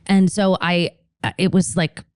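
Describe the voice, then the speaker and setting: A woman as a podcast guest in casual chat, telling animated stories with quick asides. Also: fairly low pitch, clear, resonant tone, no echo, clean studio sound.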